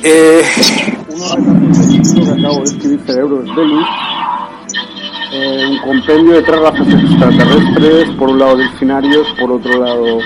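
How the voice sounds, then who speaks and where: Spanish man reading over loud music. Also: mid-range voice, fairly even intonation, poor audio. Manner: measured, halting delivery with fillers and restarts. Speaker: author reading from his own book. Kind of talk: reading aloud with spoken asides. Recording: loud background music under the voice.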